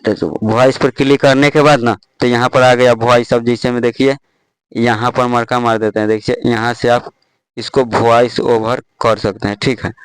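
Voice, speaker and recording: Speaking at medium pitch with a level tone and moderate pace, this young tech tutorial host sounds smooth as he walks through an app on screen. There's no echo, though the audio is poor, and "dekhiye" and "thik hai" come up constantly.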